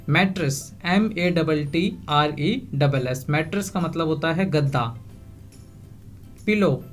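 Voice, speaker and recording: Slow, careful male language teacher. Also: a little high. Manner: spells each word letter by letter, then gives its meaning. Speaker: English teacher. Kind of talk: vocabulary lesson, spelling words aloud.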